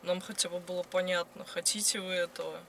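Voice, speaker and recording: A man's voice: sits high, little pitch movement, a little fast. A man co-hosting a vlog, chatting casually to viewers. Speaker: vlog co-host. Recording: distant mic, loud car noise. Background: car and road noise.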